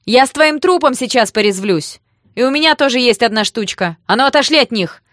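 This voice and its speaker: A woman voicing a bold, fearless young woman with a shrill voice. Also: expressive, fairly quick, fairly bright tone, no room sound, clean studio sound. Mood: furious.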